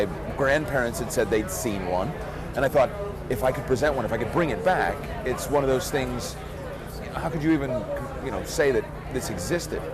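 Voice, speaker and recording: A man who works as a flea circus showman giving earnest, reflective answers in a casual interview. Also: mid-range voice. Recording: outdoor recording amid crowd chatter. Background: crowd and street noise outdoors.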